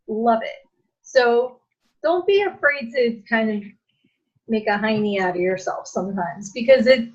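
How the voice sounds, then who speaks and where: A woman coach chatting casually on a group call, animated and self-deprecating. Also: mid-range voice, highs cut off. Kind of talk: casual chat.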